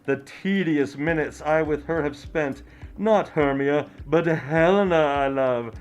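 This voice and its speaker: A man's voice: fairly high pitch, a little slow, close to an everyday voice. A man playing a young lover speaking verse. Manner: declaiming verse. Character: Oberon then Lysander, young nobleman. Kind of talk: amateur home Shakespeare performance.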